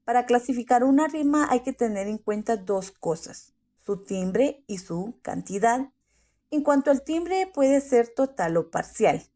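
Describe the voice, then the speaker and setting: Woman, lesson narration, somewhat high voice, mellow tone, steady list reading. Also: measured pace. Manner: steady reading of definitions and lists. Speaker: student presenter. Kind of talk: read-aloud lesson summary.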